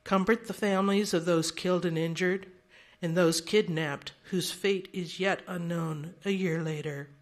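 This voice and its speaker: An older woman with a fairly low, steady voice chairs and emcees a seniors' meeting in a large room, taking her time. Holding a microphone, she works through announcements in an orderly, practical way, adds light self-deprecating humor, and leads a prayer.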